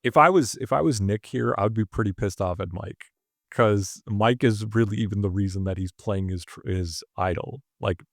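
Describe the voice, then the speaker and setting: Male co-host, lowish gravelly voice, relaxed filler-heavy chat. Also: no echo, studio quality. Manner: laid-back, many fillers like "like" and "uh". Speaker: podcast co-host. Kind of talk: casual recap chat.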